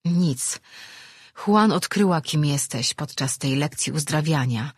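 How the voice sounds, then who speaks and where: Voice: mid-range voice, animated, slow pace, breathy edge, no echo, clean studio sound. A narrator voicing a cold, commanding goddess who speaks terse and urgent in an audiobook. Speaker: character in an audiobook. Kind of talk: audiobook character reading.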